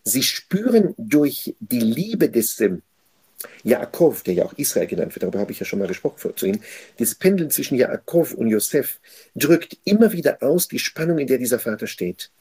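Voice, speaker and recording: A man with a dark, mellow tone teaches the weekly Torah portion. His voice is a little husky, and he leans hard on repeated phrases and quoted verses to drive his points home. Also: mid-range voice, sing-song, moderate pace. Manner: emphatic, repeats key phrases for weight; quotes scripture aloud with stress.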